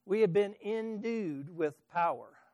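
Man, pastor, sermon, high voice, dry sound, loud-soft swings, questions to the crowd. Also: animated, takes it slowly, no echo. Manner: dramatic swings between loud emphasis and soft asides; asks the congregation questions.

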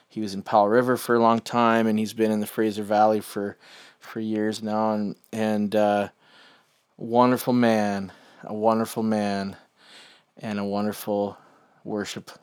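Casual male music host, western Canadian accent, unhurried and halting, with a smooth, clear tone. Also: lowish voice. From Chilliwack, British Columbia, Canada. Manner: rambling, halting, trailing off. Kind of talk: casual music show commentary.

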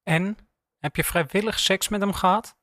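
A man voicing Max, a worried, blunt male friend who speaks softly. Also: high voice, steady tone, normal speed, no echo, studio quality, pitched above the performer's own voice.

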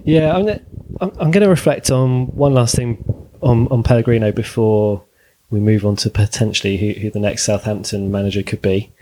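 A man hosting a podcast, talking about football in a hesitant, halting way. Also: on the low side, mellow, a little hiss or hum. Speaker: podcast host. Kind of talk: casual football chat.

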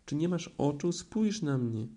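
Man doing a high squeaky piglet, small and nervous, stammering, storybook voice. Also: moderate pace, warm tone, close to an everyday voice. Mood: upset. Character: small timid anxious piglet, shrill and fussy.

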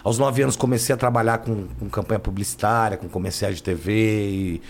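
A man's voice: fairly low pitch, fairly even intonation, a little fast, creaky, slight background noise. A man, a guest telling his life story in casual, slangy talk that leans on "né" and "cara". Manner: slangy, keeps adding "né" and "cara". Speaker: interview guest.

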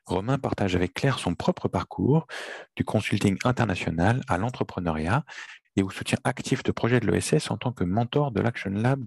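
A man's voice: fairly low pitch, gravelly, a little mellow, husky, no room sound. A man reading a formal scripted introduction to a podcast episode.

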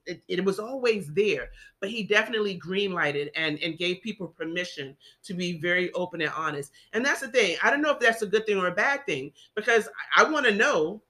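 A woman speaks with a bright, clear voice in an easygoing discussion. She works through her thoughts earnestly, restarting phrases and trailing into fillers as she goes. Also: on the low side. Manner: earnest, rambling with many restarts. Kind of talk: casual discussion.

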